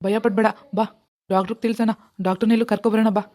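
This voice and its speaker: A woman voicing a worried middle-aged husband and father in an animated family drama, calm and reassuring. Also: a little high, very fast, voice pushed down, close to an everyday voice.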